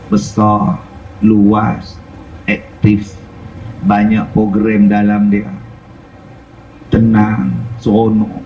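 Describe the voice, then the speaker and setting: A man's voice: mid-range voice, muffled recording. A middle-aged man, preaching a sermon with rhetorical questions and repeated phrases. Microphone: wireless lapel mic.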